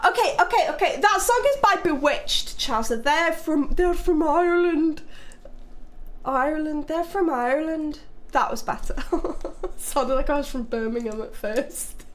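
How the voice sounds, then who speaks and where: Speaking at a measured pace in a high voice, a young English livestream host talks casually with her chat, cursing freely and teasing viewers in good fun.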